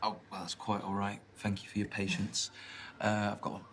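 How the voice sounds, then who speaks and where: A man's voice: on the low side, flat delivery, moderate pace, a bit bright, a little hiss or hum, natural voice. A young British man acting an awkward, earnest date in a video game, hesitant and full of ums. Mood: nervous.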